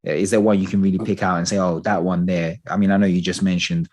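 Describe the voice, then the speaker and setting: Fast-talking man asking questions. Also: deep voice, little pitch movement, darkish tone. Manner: careful, hedging questions. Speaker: podcast co-host. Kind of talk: casual interview questions.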